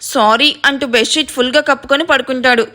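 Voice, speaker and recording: Storyteller, woman, high bright voice, dramatic reading with direct asides to listeners. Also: fairly even intonation, brisk. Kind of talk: narrating a serialized audio story.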